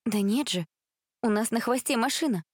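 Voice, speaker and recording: In a storybook reading, a woman voices a level-headed teenage girl, speaking firmly and urgently. The fairly high voice, raised above her own but close to an everyday sound, moves at normal speed on a dry, studio-quality recording.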